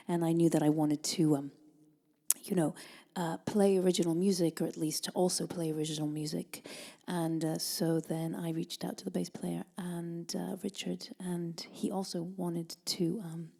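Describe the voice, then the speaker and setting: Soft-spoken woman, low gravelly voice. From Italy, raised in Denmark. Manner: thoughtful, many ums and uhs; soft, at times drops to a whisper. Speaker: jazz vocalist and band leader. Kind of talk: relaxed interview answers.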